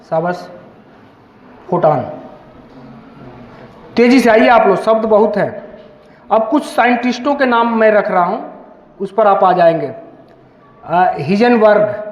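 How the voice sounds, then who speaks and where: A man whose first language is Hindi, a police officer running an interactive school workshop who calls students up one by one with encouragement. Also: sits high. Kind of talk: interactive classroom teaching. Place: school hall. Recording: echoey hall, dull lo-fi sound.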